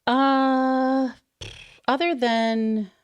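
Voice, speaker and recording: A woman's voice: sits high, flat delivery, extremely slow, smooth, dry recording. A middle-aged woman co-hosting a podcast in casual chat, rambling and laughing often. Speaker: podcast co-host.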